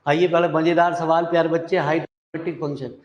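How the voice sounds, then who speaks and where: A man's voice: fairly high pitch, flat delivery, normal speed. A male math teacher, lecturing in a chatty way and calling the students "dear children". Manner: chatty, calls students "dear children", mixes English terms. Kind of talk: classroom lecture. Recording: echoey, dull classroom recording.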